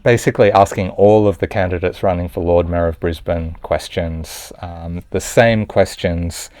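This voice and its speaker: A man's voice: low-pitched, fairly even intonation, moderate pace, a little mellow. A man hosting a casual interview, asking questions with many hesitations and fillers. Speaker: interviewer, channel host.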